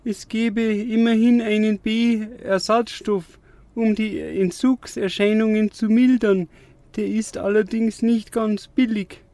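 Formal pharmacist, high-pitched, polite, matter-of-fact. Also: male voice, steady tone, slow pace, dark tone, no echo.

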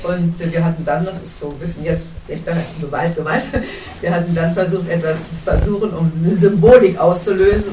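A woman's voice: sits low, warm tone, slight background noise. Older German woman in an echoey hall. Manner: earnest, searching for words, frequent restarts. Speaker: panel guest. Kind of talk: recounting memories in a panel discussion. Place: cinema hall. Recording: echoey hall, distant mic.

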